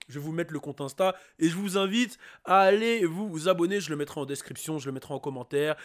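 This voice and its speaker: A man hosting a YouTube reaction video, talking casually and excitedly to his viewers with lots of fillers. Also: fairly high pitch, a little fast. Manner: excitable, hyped, chatty with many fillers.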